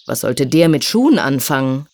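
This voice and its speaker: Low-voiced woman reading a children's story. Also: normal speed, dry recording. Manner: expressive, sing-song storytelling.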